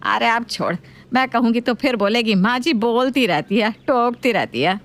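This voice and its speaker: Woman doing a nagging old mother-in-law. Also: expressive. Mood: scolding. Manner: scolding, slow and lower-voiced.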